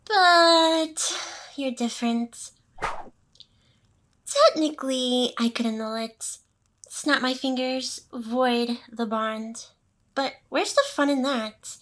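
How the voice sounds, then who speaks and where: With a bright voice that sits high, a woman plays an ancient demoness boss who is smug and possessive in an intimate, seductive ASMR roleplay. She leaves teasing pauses and sounds intrigued and playful.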